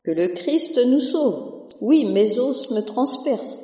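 A storyteller voicing a poor, weary old peasant man in a storybook reading, speaking slowly and gratefully. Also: mid-range voice, animated, mellow, pitched above the performer's own voice. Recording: echoey room with long reverb.

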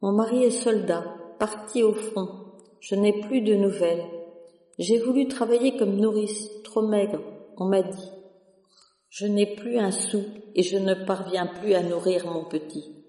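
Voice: mid-range voice, measured pace, warm tone, far from the mic, lightly acted. A reader voicing an exhausted peasant mother. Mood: pleading. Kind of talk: storybook reading. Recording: echoey room with long reverb.

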